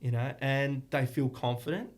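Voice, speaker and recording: A man's voice: mid-range voice, fairly even intonation, normal speed. A man, a martial arts academy owner and guest on a podcast, speaking earnestly in long flowing explanations. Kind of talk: casual podcast interview.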